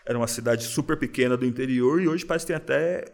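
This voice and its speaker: Relaxed São man, slang-heavy. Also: mid-range voice, fast talker, vocal fry. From São Paulo, Brazil. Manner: relaxed, reflective, uses street slang. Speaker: guest. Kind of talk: casual interview.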